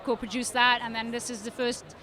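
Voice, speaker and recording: A middle-aged film producer with a Trinidadian accent answers questions at an outdoor red carpet event, speaking haltingly with many restarts and fillers. Her voice is a little high, bright and forceful, with little pitch movement.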